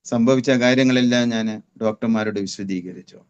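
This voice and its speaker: A man's voice: mid-range voice, steady tone, moderate pace, clean tone, lo-fi sound. A man from Kerala giving an impassioned religious testimony, his voice climbing into fervent prayer. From Kerala, India. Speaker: testimony speaker.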